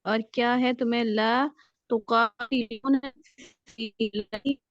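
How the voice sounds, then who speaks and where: A female student reciting slowly and hesitantly in an online class while her call audio keeps cutting out. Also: a little high, steady tone, dry recording, lo-fi sound. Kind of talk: slow halting recitation.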